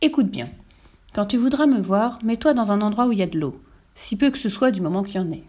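A woman voicing a wise, gentle immortal mermaid in a read-aloud storybook. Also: mid-range voice, animated, fast, natural voice. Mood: reassuring. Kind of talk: storybook reading.

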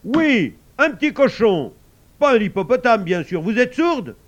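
A man's voice: high voice, very animated, normal speed, pitched above the performer's own voice. A man reading a storybook and voicing a hot-tempered, scolding father who runs a bar. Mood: angry. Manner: exasperated, scolding.

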